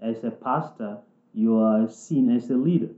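A man from South Sudan, speaking in a thoughtful, halting way with restarts as he interviews people in a reflective conversation. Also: mid-range voice, dark tone. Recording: echoey room, tinny phone-like sound.

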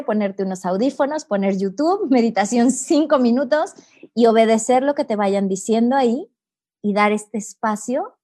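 A middle-aged woman talks calmly and warmly as an interview guest, leaning into a patient, teacherly tone. She checks in with her listener often and lets her points land slowly. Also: a little high. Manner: calm, teacherly, with many "¿no?" tags. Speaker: guest, personal growth coach. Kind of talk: reflective interview talk.

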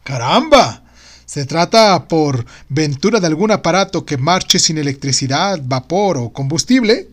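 A man's voice: on the high side, lively intonation, a little slow. A man voicing a sceptical, sardonic patent office director in an audio storybook, wordy, mocking and officious. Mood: curious, teasing.

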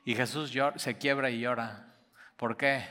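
Man preaching, bright forceful voice, long hall reverb over soft guitar. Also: medium pitch, steady tone, unhurried. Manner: impassioned, swings from loud to hushed. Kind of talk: sermon.

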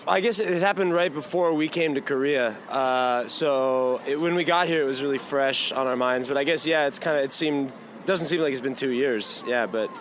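American man, mid pitch, casual rambling speech, traffic noise, outdoor street interview. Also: moderate pace, fairly bright tone. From Florida, United States. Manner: casual, fillers like 'you know'. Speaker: language school teacher.

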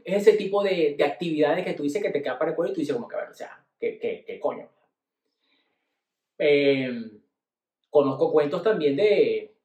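A middle-aged Venezuelan man casually telling family stories, slangy and animated, dropping to low mutters and rising to loud bursts. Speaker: podcast host. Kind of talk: casual storytelling monologue. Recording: roomy echo.

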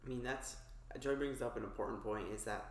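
A man in a casual group discussion who grows animated when making a point. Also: medium pitch, a little fast, a little hiss or hum. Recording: echoey room.

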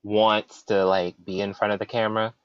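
Brief: low-voiced male interviewer, hesitant and casual, dull lo-fi sound. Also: little pitch movement, moderate pace, clean tone, dry recording. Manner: hesitant, with fillers and brief backchannels.

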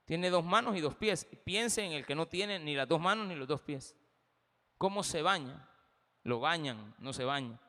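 Impassioned Salvadoran pastor preaching. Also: male voice, on the high side, lively intonation, moderate pace, bright, forceful tone, long reverb tail. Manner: impassioned, addresses the congregation directly. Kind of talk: sermon.

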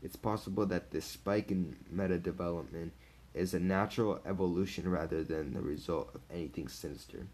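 A man reading the lines of a cautious, reasoned female warrior hero without changing his own deep voice. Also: fairly quick, a little mellow, slightly rough.

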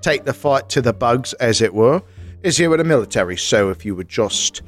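A man's voice: mid-range voice, moderate pace, soft background music, pitched below the performer's own voice, lightly acted. Man voicing Jeff, a pompous English talking mongoose. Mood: indignant. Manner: pompous, excitable, rambling. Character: brash eager male talking mongoose. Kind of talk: improvised comedy sketch.

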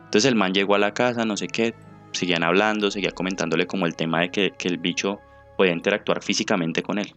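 A man with a Colombian accent, co-hosting a podcast and telling a ghost story in animated, slangy chat, acting out the people he quotes. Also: low voice, quick pace, faint music behind. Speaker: podcast co-host. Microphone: remote call mic.

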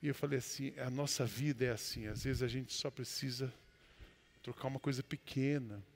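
A man with a Brazilian accent, a pastor preaching a sermon and telling a personal story, with sudden loud exclamations between quieter asides. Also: mid-range voice, steady tone, normal speed. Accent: Brazilian Portuguese. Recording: long hall reverb.

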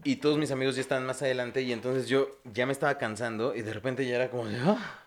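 A young Mexican man co-hosting a podcast, telling a story in casual chat and acting out his own shouts. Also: medium pitch, steady tone, very fast, slight background noise. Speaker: podcast co-host.

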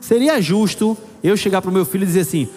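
High-voiced male pastor preaching in a hall. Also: a little mellow. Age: middle-aged. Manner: preaching with rising emphasis and slow scripture reading. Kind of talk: sermon. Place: church hall. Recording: long hall reverb with faint music.

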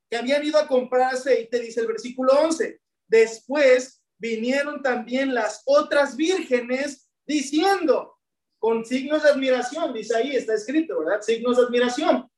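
A woman preacher delivering a sermon, often putting rhetorical questions to the congregation and addressing them as brethren. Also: sits high. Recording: echoey room, voice from a distance.

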